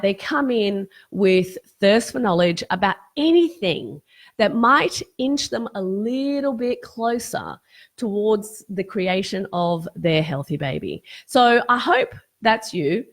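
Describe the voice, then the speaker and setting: Hosting a live-streamed question-and-answer session, a medium-pitched woman who is a fertility specialist earnestly explains topics despite losing her voice, often using fillers and restarting sentences.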